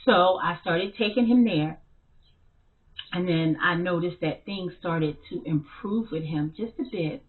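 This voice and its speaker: A woman telling her story of spiritual struggle in a halting, hesitant way, full of fillers and restarts. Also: lowish voice, a little hiss or hum. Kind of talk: personal spiritual testimony. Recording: tinny phone-like sound.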